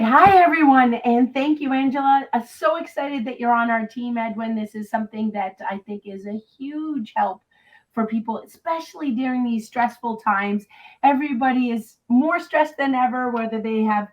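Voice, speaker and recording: A woman's voice: a little high, highs cut off. A woman running a clinic, enthusiastically interviewing a new team member. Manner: upbeat, enthusiastic. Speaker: clinic director interviewing staff.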